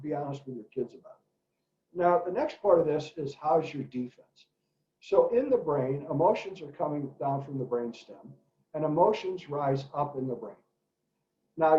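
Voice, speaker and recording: Speaking to parents in an echoey room, a middle-aged man who works as an educator tells stories using character voices in a lively talk. His voice is on the high side, and the audio is dull and lo-fi.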